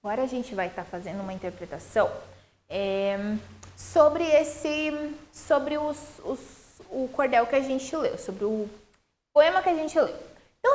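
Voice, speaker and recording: A Brazilian woman teaching a recorded primary school lesson, explaining in a lively, sing-song teacherly way to children. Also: high-pitched. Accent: Brazilian Portuguese.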